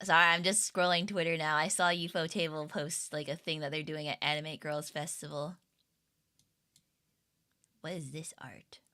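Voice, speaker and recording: A woman's voice: deep voice, flat delivery, fairly quick, few pauses, sharp tone, smooth. A young woman streamer chatting casually with her viewers, rambling and giggling with lots of fillers. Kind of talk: casual livestream chat with viewers.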